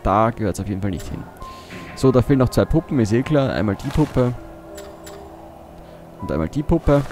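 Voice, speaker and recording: A man's voice: mid-range voice, lively intonation, normal speed, darkish tone, faint music behind. A man giving casual gameplay commentary as a let's play host, muttering to himself as he thinks aloud.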